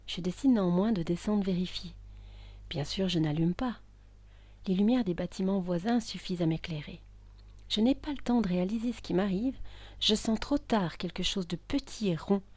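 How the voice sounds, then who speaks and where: A woman tells a first-person story at medium pitch and normal speed, her voice hushed and intimate, often dropping to a whisper and broken by tense outbursts.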